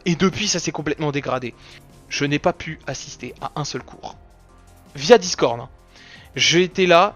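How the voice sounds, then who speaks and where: A young French-speaking man talks through his channel's year in a loose, slangy, joking way. His voice sits a touch high for a man, with soft music playing faintly underneath. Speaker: YouTube gaming creator. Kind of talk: casual anniversary recap video.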